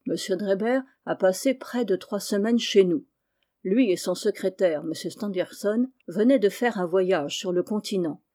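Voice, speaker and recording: A woman's voice: mid-range voice, moderate pace, mellow, lightly acted. A woman reading the part of an anxious middle-aged landlady and mother, agitated and earnest, in an audiobook.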